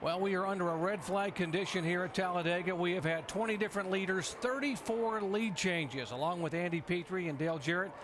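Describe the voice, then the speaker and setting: A man's voice: sits high, fairly quick, hardly any pauses, noisy background. A man anchoring a television race broadcast as lead motorsport commentator, recapping and setting up discussion.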